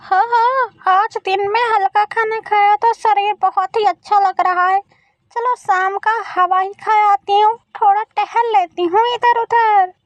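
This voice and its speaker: A bossy, sharp-tongued old crow mother-in-law from a cartoon, voiced by a woman. Her voice sits very high, and she snaps and scolds in a dry, close recording. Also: steady tone, unhurried, dry recording, muffled recording. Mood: scolding. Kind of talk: cartoon voice acting.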